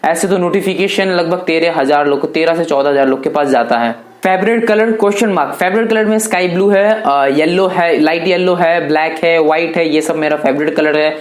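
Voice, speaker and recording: A man's voice: on the high side, normal speed, few pauses. An eighteen-year-old man answering viewer questions in a casual, chatty vlog, loosely talking to viewers as brothers. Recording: echoey room.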